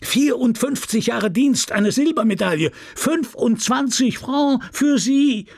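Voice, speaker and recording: A man's voice: extremely high pitch, lively intonation, takes it slowly, gravelly, no room sound, pitched above the performer's own voice, exaggerated voice. A man voicing an impatient village mayor bellowing into an old woman's ear in an audiobook reading.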